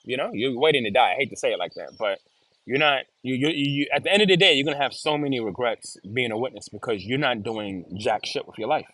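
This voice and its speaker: A man's voice: mid-range voice, fast talker, bright, forceful tone, dry recording. A man talking as an interview guest in casual chat, earnest and given to repeating and restarting his phrases. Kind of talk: casual video-call chat.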